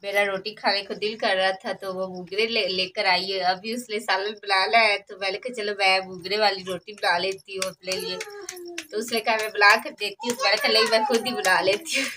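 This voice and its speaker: A woman's voice: medium pitch, normal speed. Young woman from Pakistan, chatty cooking vlogger who laughs a lot, light background noise. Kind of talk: casual cooking vlog. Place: rural courtyard, outdoors and in a brick kitchen.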